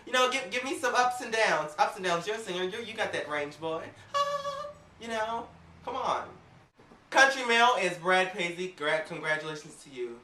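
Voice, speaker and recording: A woman casually reviewing an awards show in a sassy, animated, gossipy way, acting out quotes as she talks. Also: medium pitch, normal speed, distant mic. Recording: roomy, off-mic home recording.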